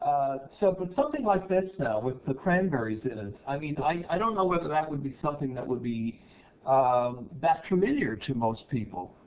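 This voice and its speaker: A man's voice: fairly high pitch, big pitch swings, moderate pace. Chatty male show host, tinny sound. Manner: chatty, asks questions with many "uh" restarts. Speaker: TV show host interviewing a cheese maker. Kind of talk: casual interview chat.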